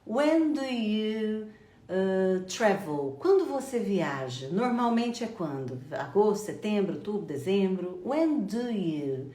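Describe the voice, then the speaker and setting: Lively woman teaching English. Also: medium pitch. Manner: lively, repeats phrases slowly. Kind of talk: online English lesson. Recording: echoey room.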